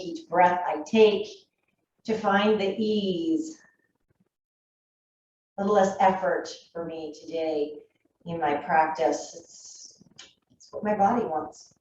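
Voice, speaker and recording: A woman in her thirties guiding a yoga class in a calm, gentle voice, still a little froggy in the morning and clearing her throat now and then. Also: mid-range voice, a little hiss or hum. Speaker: yoga teacher. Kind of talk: guided yoga class instruction. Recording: dull, echoey room from a distance.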